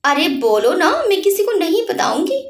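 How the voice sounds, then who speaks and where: A woman's voice: very high-pitched, normal speed, roomy sound, pitched above the performer's own voice, heavily acted. A woman voicing a chatty, teasing young woman in a narrated story. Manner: teasing, lively.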